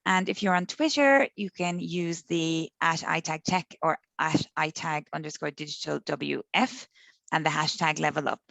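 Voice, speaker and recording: Woman host closing out a wellness webinar, kinda low voice, upbeat, dry mic. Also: normal speed, vocal fry, a bit bright, no echo, low-quality recording. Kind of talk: casual online webinar talk. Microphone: video call.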